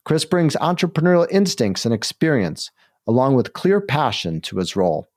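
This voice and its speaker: A man's voice: medium pitch, sing-song, normal speed, darkish tone. A man hosting a climate podcast, reading his intro and asking interview questions in an upbeat way. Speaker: podcast host.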